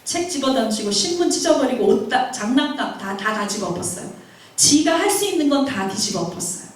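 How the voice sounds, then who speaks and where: A woman missionary delivers a sermon, weaving in personal stories and slipping into the voices of the people she quotes. Her voice sits high and lively. It rings through a large echoing hall, picked up from well away from the microphone. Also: brisk. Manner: animated, acts out quoted voices. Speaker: missionary preacher. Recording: very echoey hall, mic far off.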